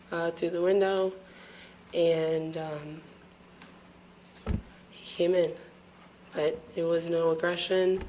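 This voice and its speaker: A woman on the witness stand speaks slowly and haltingly, her low, flat voice trailing off as if she is losing it. She sounds hesitant and keeps apologizing between pauses. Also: a little hiss or hum, rough recording. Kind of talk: courtroom testimony. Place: courtroom.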